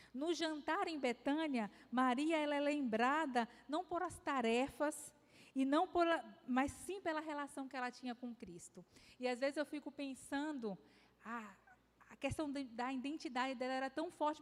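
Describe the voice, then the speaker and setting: A high-pitched woman with a Brazilian Portuguese accent gives a devotional talk in a church hall. She speaks in a conversational, anecdotal way and adds light self-deprecating humor. Her voice carries a long reverb tail from the hall. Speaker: conference speaker.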